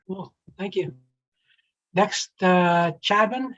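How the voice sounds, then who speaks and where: A woman leads a group of young people through introductions on a video call, moving from one to the next in a halting, casual way with frequent "uh"s and restarts. Her voice sits at an ordinary middle pitch. The audio is a little dull and lo-fi. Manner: halting, many fillers and restarts. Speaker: livestream moderator. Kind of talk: casual moderating.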